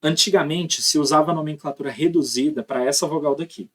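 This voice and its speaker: A man's voice: on the high side, a little fast, a bit bright. Male teacher explaining step by step. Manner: explains step by step, often checks with "tá?". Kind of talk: recorded classroom lesson.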